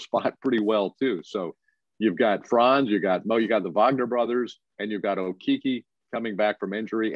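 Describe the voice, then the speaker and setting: A deep-toned man talks basketball in a relaxed podcast chat and laughs his way through a travel story. His voice comes over a muffled, lo-fi remote line that sounds close and dry, with no room around it. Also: dry recording. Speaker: team broadcaster.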